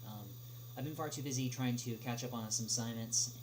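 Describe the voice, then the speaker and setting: Against an obvious humming background noise, a young man hosting a laid-back livestream reads questions and improvises answers. His voice is medium-pitched with a darkish tone, and he speaks haltingly, often stalling in long "um"-style pauses.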